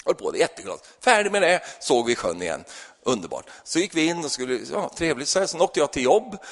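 A male pastor telling a lively anecdote in a sermon, tossing in questioning tags, in a church. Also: on the high side. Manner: lively anecdotal, keeps adding a questioning tag. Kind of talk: storytelling sermon. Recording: echoey church hall.

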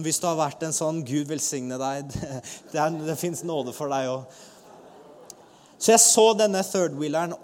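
A man telling a lively testimony as a sermon, acting out the people he quotes. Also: mid-range voice. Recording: long hall reverb.

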